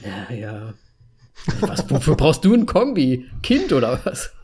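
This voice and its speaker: A man's voice: mid-range voice, huge pitch swings, measured pace, a little mellow, slightly rough. A man in his late thirties co-hosting a podcast in casual chat, talking in a rambling, chatty way and laughing often. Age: 30s. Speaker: podcast co-host.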